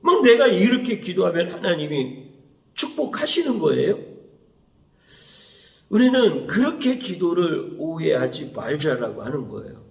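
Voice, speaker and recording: A male pastor preaching a Wednesday sermon in a lively way, acting out prayers in a pleading voice. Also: on the high side, unhurried, gravelly, pauses often. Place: church sanctuary. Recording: echoey church room.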